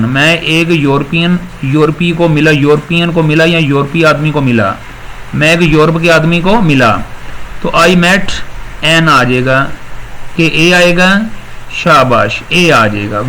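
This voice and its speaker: High-voiced male teacher. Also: sharp tone, a little hiss or hum, poor audio. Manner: explains step by step, repeats words slowly, praises students. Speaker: English teacher. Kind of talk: recorded classroom lecture.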